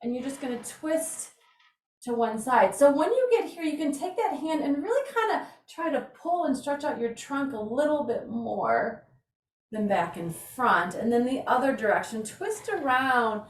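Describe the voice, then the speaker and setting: A woman's voice: high voice, big pitch swings, moderate pace. A woman leading an exercise class as instructor, giving informal, encouraging cues with casual chat and counting. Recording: roomy echo, distant microphone.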